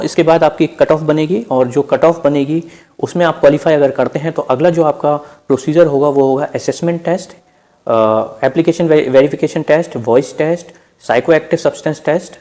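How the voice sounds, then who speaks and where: Speaking fairly quickly in a slightly high voice with a dark tone, a man with an Indian accent delivers an informal exam-preparation explainer over slides. He refers to his listeners as friends and weaves in English terms.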